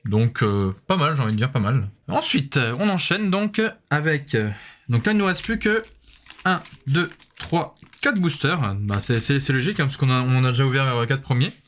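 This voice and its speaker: A man's voice: mid-range voice, lively intonation, moderate pace, fairly bright tone, slight background noise. A man casually commenting as he opens card packs, addressing his viewers and saying "voilà" after almost every card, with frequent hesitations. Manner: chatty, addresses viewers directly. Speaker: YouTuber opening trading card packs.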